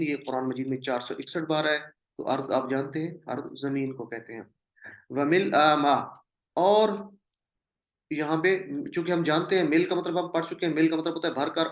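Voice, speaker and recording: A man's voice: on the high side, reverberant. A man teaching a language lesson. He speaks patiently, repeats each word and its meaning as a drill, and mixes in English terms. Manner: mixes English words into the explanation. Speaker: Quranic Arabic teacher. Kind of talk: classroom lesson.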